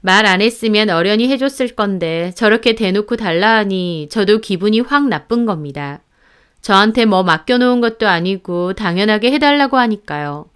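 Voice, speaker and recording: A woman narrating a scripted first-person story in a steady, indignant storytelling manner. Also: medium pitch, clean tone.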